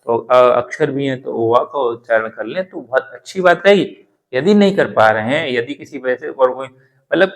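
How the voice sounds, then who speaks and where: Guy teaching english, goes slow and says each example sentence again word by word, voice at a normal middle pitch. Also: fairly bright tone, low-quality recording. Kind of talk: spoken English lesson.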